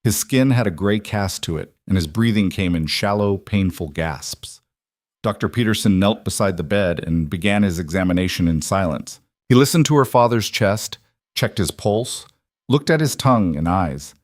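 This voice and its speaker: Low-voiced male story narrator. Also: expressive, moderate pace, no room sound, studio quality.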